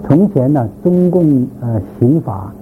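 A man's voice: mid-range voice, lively intonation, unhurried, faint music behind. A man giving an informal lecture to a class, rambling with repeated words and filler sounds and putting questions to the listeners. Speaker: lecturer on church history. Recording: tinny phone-like sound, faint background noise.

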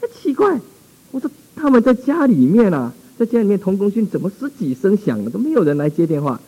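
A male pastor recounts a testimony in a sermon, telling it with dramatic exclamations. His voice is husky and a little high for a man. He speaks at a rapid pace. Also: big pitch swings, dull audio.

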